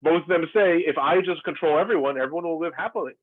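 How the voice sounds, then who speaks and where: Fast and somewhat high-voiced, an Israeli man who formerly lectured engages in a long, earnest, thoughtful discussion by video call, punctuated by fillers and restarts. The call sound is tinny and dry, without echo.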